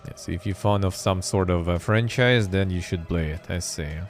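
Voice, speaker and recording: With faint music in the background, a low-pitched man speaks at a normal speed while hosting a live stream. He is a streamer and show host whose casual commentary mixes offhand chat with text read aloud and wry remarks.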